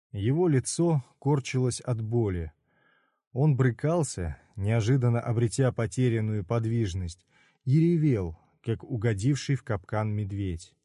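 A man reading a novel aloud in steady, measured scripted narration. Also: medium pitch, dry recording, clean studio sound. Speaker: audiobook narrator.

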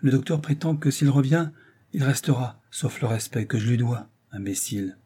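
Old worried servant guy, fretful and shaken, husky mellow voice, pitched up a bit, as a man reads him. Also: animated, moderate pace. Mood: grave. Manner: agitated, fretful telling. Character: old distressed male servant of a duke.

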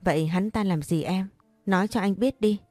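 A woman's voice: medium pitch, moderate pace, a little mellow, dry recording, faint music behind, lightly acted. A woman voicing a caring but pushy young man who scolds and coaxes a crying friend. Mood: coaxing. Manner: scolding yet tender, coaxing. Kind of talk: audiobook character reading.

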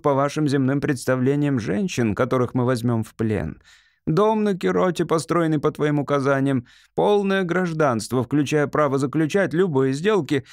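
A man reading an audiobook, voicing a scheming male alien general in a raised, smooth, unhurried voice. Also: mid-range voice, dry recording, studio quality, pitched above the performer's own voice, lightly acted. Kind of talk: audiobook character voice.

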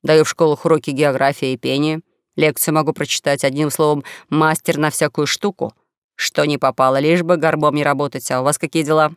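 A man's voice: on the high side, little pitch movement, a little fast, clear, resonant tone, no echo, studio quality, voice pushed down, lightly acted. A man voicing a young con-man who plays a wronged duke, mournful and grandiose. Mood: boastful. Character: young male con-man posing as a tragic duke, self-pitying.

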